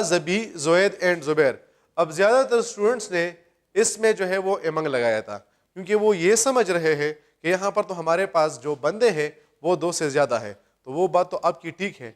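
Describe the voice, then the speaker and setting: Male grammar teacher, high-pitched voice, answers his own questions as he explains. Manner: slows down to read example sentences aloud. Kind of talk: grammar lecture.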